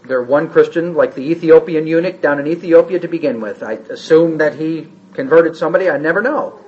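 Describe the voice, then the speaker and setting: A man with a fairly high voice teaches a Bible class a little fast, in a conversational, animated way, acting out quotes and putting questions to the room. The recording is roomy, dull and lo-fi.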